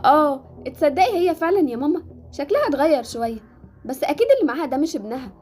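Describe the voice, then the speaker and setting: High, fast Egyptian woman, tearful. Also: a little mellow, faint music behind. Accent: Egyptian Arabic. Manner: tearful, emotional pleading. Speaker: channel host voicing a home-made drama. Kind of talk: home-made melodrama voice acting.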